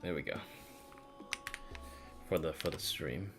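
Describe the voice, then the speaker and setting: With a rumbling low voice and a slow pace, a game streamer chats casually on a livestream, sometimes gushing and sometimes murmuring to themself while working. Music plays behind the voice.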